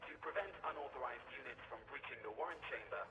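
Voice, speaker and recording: A man voicing a booming metallic robot sentinel through a robot filter, giving flat, clipped machine announcements. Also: quick pace. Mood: clinical. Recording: roomy echo, clear game music behind.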